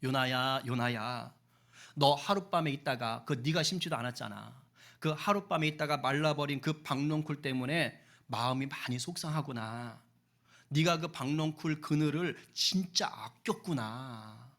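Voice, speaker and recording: A man puts on a tender God figure, voice dropped low and warm in tone, asking patient questions. Each line is a soft plea. It is part of a spoken sermon retelling. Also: normal speed, close to an everyday voice. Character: gentle fatherly God pleading with a sulking prophet.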